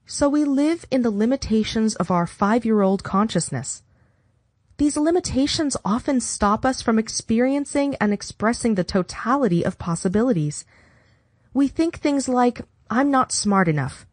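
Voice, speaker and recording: A woman narrating a scripted self-help audiobook with guided exercises and affirmations, in a measured, instructional way. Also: on the high side, expressive, a little mellow, no echo.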